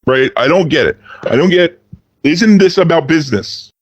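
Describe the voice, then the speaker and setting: A man co-hosting a casual political podcast, ranting profanely with big swings in pitch for emphasis. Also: lively intonation, normal speed, husky, no room sound, dull audio. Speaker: podcast co-host.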